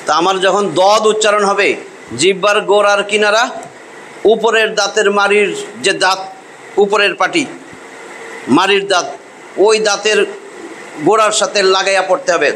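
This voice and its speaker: A middle-aged man, teaching Quran pronunciation in a classroom lesson and drilling each sound by slow repetition. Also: high voice, fairly even intonation, bright, forceful tone, slight background noise, low-quality recording.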